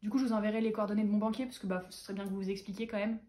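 Fast-talking bubbly young woman. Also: medium pitch, level tone, dark tone. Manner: bubbly, gushing fan enthusiasm. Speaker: booktuber host. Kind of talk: casual chat to camera.

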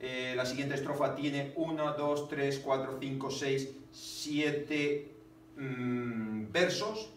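A man teaching a poetry lesson, speaking haltingly with many fillers and counting syllables aloud. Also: mid-range voice, steady tone. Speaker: literature teacher. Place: classroom. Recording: echoey room, distant mic, faint noise.

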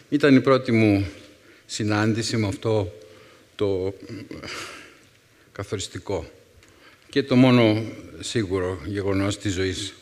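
A man in his fifties, a teacher, telling wry personal stories with thoughtful pauses to a young audience. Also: lowish voice. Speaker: secondary school philology teacher and speaker. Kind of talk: storytelling talk to a young audience. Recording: reverberant hall.

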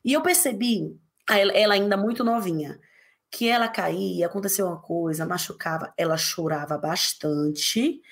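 A woman guest in a casual podcast conversation, telling stories quickly and acting out quotes. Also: lowish voice, creaky. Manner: animated, quick storytelling with acted quotes.

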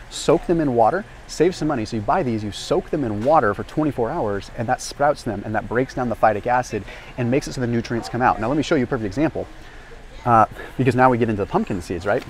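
In an educational grocery walk-through, a man in his thirties who vlogs about health and nutrition strolls a warehouse store aisle, talking energetically to camera. He is a fast talker with a medium pitch, and his small lapel mic picks up a little hiss or hum in the large indoor store.

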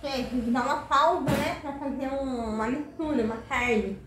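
At normal speed and with a high-pitched voice, this Brazilian-accented vlogger in her thirties chats casually while cleaning her home kitchen, tired yet talkative and frequently addressing viewers. The camera sits across the room indoors, capturing echo and background noise.

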